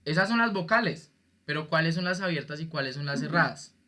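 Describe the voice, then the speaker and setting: A man's voice: on the high side, lively intonation, brisk, pushed and bright. A male teacher giving an online class, patient and jokey, quizzing his students as he explains. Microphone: video call.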